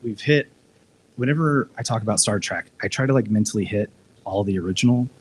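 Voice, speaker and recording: A man's voice: on the low side, brisk, a little hiss or hum, low-quality recording. A man speaking casually at a live discussion event, retelling a TV episode with lots of restarts and filler words. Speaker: discussion panelist.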